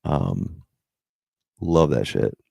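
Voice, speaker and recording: A man's voice: extremely low pitch, animated, very slow, vocal fry, a little mellow, dry recording, studio quality. A man chatting casually as a livestream host, in a rambling, slangy way with some swearing.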